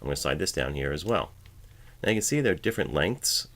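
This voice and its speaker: In his home voiceover studio at the editing station, a voiceover artist casually narrates a tutorial screencast, explaining each step. His creaky bass voice is fairly bright, swings widely in pitch, and moves at a quick pace.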